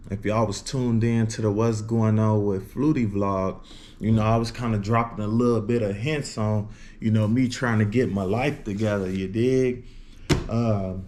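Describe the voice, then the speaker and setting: An American vlogger from Illinois speaks to his viewers in a lowish, warm voice, with slight background noise. He's casual and slangy, repeatedly tagging phrases with fillers, and a retainer gives him a slight lisp.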